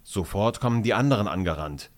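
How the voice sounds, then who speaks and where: A man narrating a children's audiobook in an animated, expressive storytelling manner. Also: on the low side, brisk.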